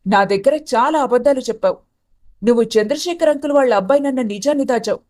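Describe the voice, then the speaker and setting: A woman voicing a scheming young elder sister in an animated story, who talks in a tense, accusing way. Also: sits high, fast, close to an everyday voice.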